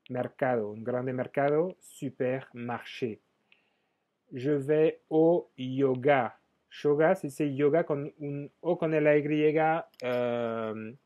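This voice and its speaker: Slow, patient man teaching. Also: medium pitch, highs cut off. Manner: slow patient explanation with repeated example phrases. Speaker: French teacher. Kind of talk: explaining French vocabulary.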